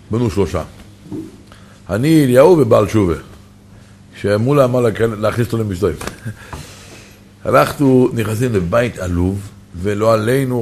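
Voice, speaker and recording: A man's voice: fairly low pitch, a little mellow, slight background noise. A man telling a personal story in an earnest, emotive way.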